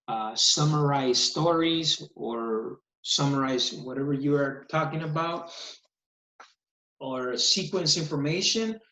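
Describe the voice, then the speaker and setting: A man's voice: mid-range voice, fairly bright tone. A male teacher giving an online English lesson, explaining patiently step by step, his voice captured in a screen recording of a video call. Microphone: computer mic on a video call. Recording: echoey, dull video-call audio.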